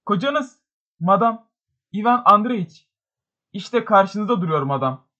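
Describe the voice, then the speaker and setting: Bir adam, redingotlu, aceleci ve suçlayıcı bir genç delikanlıyı seslendiriyor. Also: male voice, high-pitched, expressive, measured pace, bright, forceful tone, muffled recording, pitched above the performer's own voice, exaggerated voice. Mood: urgent. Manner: urgent, accusing. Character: impetuous young man in frock coat.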